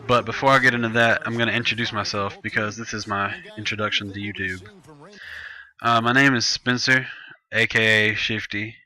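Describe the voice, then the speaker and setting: A man's voice: fairly low pitch, fairly even intonation, moderate pace, pushed and bright, poor audio. A nineteen-year-old man, chatting loosely over his gameplay as a gaming YouTuber and often correcting himself. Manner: loose, rambling, self-correcting chat. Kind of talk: casual gameplay commentary.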